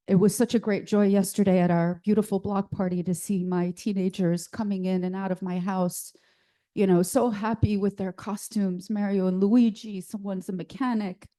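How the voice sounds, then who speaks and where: A woman giving a heartfelt talk as guest speaker at a church service, emotional, with her voice close to cracking and many halting fillers. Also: medium pitch, dark tone. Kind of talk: speech to a congregation.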